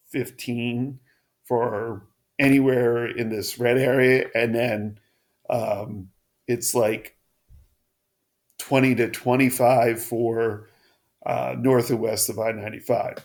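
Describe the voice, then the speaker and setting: This casual map-side weather report comes from a man whose mid-range voice is gravelly and froggy. His delivery is halting, full of restarts.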